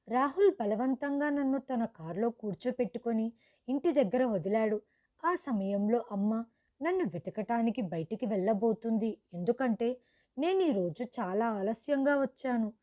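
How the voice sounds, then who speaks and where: Female storyteller: earnest, steady first-person narration, soft warm tone. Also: fairly high pitch.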